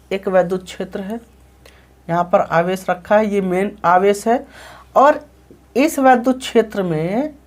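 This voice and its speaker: A man teaches a physics lesson in a rather high voice. He talks straight to his students, asking a question and then answering it himself. He repeats key phrases and keeps checking that they follow. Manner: calls the students "children" and checks "okay?" often. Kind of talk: classroom lecture explaining graphs.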